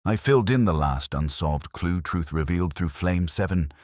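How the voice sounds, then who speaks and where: In a radio play, a man voices a weary, melancholy older detective recalling a case in scripted first-person narration. His extremely low voice moves noticeably in pitch through the measured, literary telling, solemn and reflective, expressive and a bit mellow, with a brooding, melancholy mood. It is recorded close and dry.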